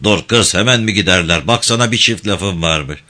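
A man reading a story aloud, voicing a coarse, brash young village man who talks roughly and swears. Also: sits low, normal speed, pushed and bright, pitched below the performer's own voice. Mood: coaxing. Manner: gruff, swearing, blustering.

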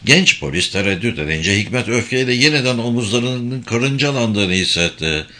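A man narrating a crime novel as an audiobook, in a measured, expressive reading. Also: medium pitch.

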